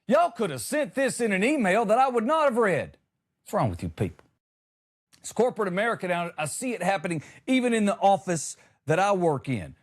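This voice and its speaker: A high-voiced man hosts a comedy show, giving a conversational monologue with exasperated, emphatic punchlines.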